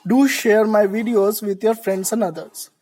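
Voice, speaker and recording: Brief: woman teacher, measured, deliberate delivery for a vocabulary class. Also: medium pitch, steady tone, warm tone, poor audio. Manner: slow, deliberate explanations. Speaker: English teacher. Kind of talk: vocabulary lesson.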